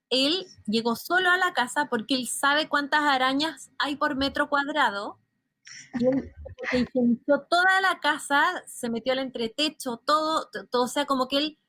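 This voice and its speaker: A Chilean woman hosting a radio show, telling anecdotes in a lively, casual way. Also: sits high, no echo. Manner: lively storyteller, animated retelling. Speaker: radio host.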